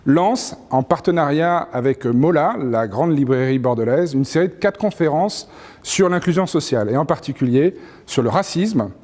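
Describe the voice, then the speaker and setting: A man's voice: fairly high pitch, lively intonation, moderate pace, a little mellow, big-room sound. A man presenting a formal announcement in a cheerful tone.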